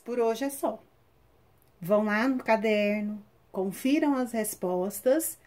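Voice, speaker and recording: A woman teacher with a Brazilian Portuguese accent giving a recorded online class, spelling out grammar rules slowly and step by step. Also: on the high side, a little mellow. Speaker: English teacher.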